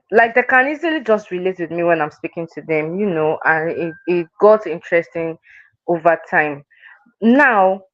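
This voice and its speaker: A woman's voice: fairly low pitch, no room sound. Woman guest on a video call, chatty and self-correcting, dry and slightly muffled audio. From Delta State, Nigeria. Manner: chatty, restarts phrases, laughs often. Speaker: guest, sales closer. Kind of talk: casual interview chat.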